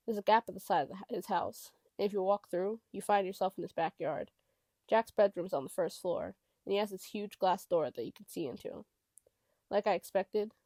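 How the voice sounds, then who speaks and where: A woman narrating a chapter of an audiobook in the first person, in a quiet, reflective way. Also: on the low side, no room sound.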